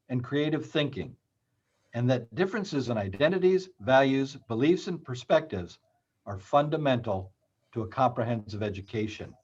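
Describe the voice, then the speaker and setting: Man reading a measured presentation. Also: mid-range voice, breathy edge. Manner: measured, read-aloud delivery. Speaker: university library dean, presenter. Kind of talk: scripted conference presentation. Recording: slightly muffled lo-fi recording.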